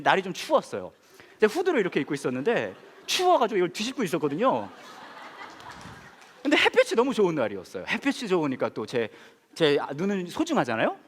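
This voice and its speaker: A man's voice: high voice, fast talker. A male pastor telling a comic story to an audience, acting out the voices of the people in it. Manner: animated, acts out every voice. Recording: long hall reverb.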